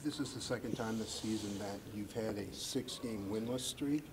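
A man, a reporter, asking a player a polite, measured question. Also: lowish voice, noisy background. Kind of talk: press question.

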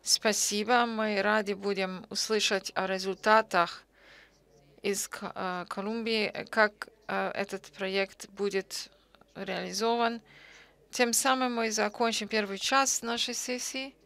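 A woman giving simultaneous conference interpretation, halting, with frequent pauses and self-corrections. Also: medium pitch, fairly even intonation, fairly bright tone.

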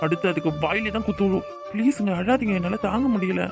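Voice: medium pitch, fast, gravelly, over music, natural voice. A voice actor playing a protective young man in a cartoon, firmly reassuring a tearful girl. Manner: reassuring, firm. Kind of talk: cartoon voice acting.

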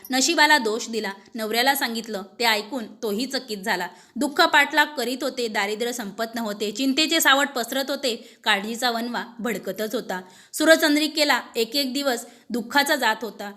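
Bright high-voiced woman telling a tale. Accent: Marathi. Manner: expressive, voices the characters' lines. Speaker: storyteller. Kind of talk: devotional story narration.

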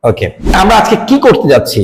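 A man with a Bangladeshi accent teaches English letters to a young student. His voice sits a little high for a man. He switches between English and Bengali and plays up his own mistakes in a teasing way. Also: huge pitch swings, fast, background noise. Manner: mixes English and Bengali, playfully feigns mistakes. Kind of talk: playful classroom lesson with a student.

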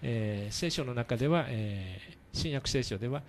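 A man hosting a church radio talk show, explaining patiently in a halting way with many fillers. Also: medium pitch, expressive, noisy background.

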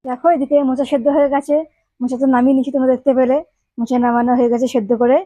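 A woman's voice: high voice, level tone, rapid-fire, warm tone, no echo, low-quality recording. A woman hosting a home cooking channel, chatting to viewers as she explains each step of a recipe. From Bengal. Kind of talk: casual cooking demonstration.

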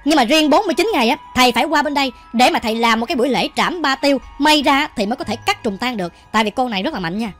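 A woman's voice: high-pitched, animated, racing, few pauses, faint music behind. A woman with a Southern Vietnamese accent telling a ghost story in a chatty way, often speaking directly to her listeners. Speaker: storytelling channel host. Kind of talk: ghost story narration while cooking.

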